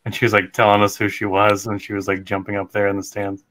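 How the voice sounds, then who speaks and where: A man's voice: on the low side, completely flat delivery, fast talker, fairly bright tone, no room sound. Opinionated young man on a podcast. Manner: opinionated, laughs often. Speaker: podcast host. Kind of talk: casual chat.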